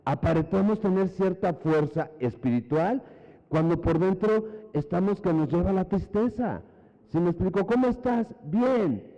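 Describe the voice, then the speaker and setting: Male preacher, emphatic sermon delivery, mellow tone, muffled hall sound. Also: high voice, normal speed. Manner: emphatic, repetitive, asks the congregation questions. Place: church hall. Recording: muffled church hall reverb.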